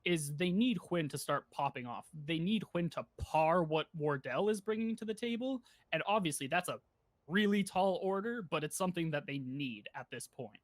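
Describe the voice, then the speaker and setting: A man giving color commentary as an esports caster, animated and sounding incredulous as he analyzes the plays. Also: fairly high pitch, moderate pace, no room sound.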